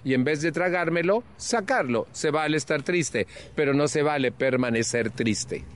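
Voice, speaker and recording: A man in his seventies with a Mexican accent gives a personal recovery testimony to a support group, earnest and animated, with frank slang. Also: a little high, normal speed. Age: 70s. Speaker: Al-Anon speaker.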